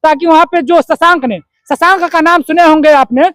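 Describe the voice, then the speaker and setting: A male interviewer with a very high voice keeps pushing his guest with pointed questions, often repeating them. The sound is dry and close to the mic. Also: normal speed, fairly bright tone, no echo. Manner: probing, presses with repeated questions. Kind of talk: political interview.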